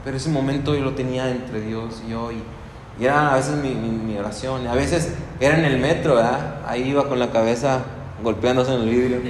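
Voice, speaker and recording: A man with a Mexican accent giving a relaxed, conversational sermon, telling personal stories with frequent restarts and asides. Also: medium pitch. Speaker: pastor. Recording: echoey hall, faint background noise.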